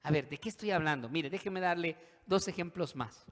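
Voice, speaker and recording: A pastor preaches in a slightly high voice, swinging from loud acted pleas to hushed emphasis. He leads his congregation in call-and-response. The sound rings with the long reverb of a large hall. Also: fairly quick. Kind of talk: sermon. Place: church hall.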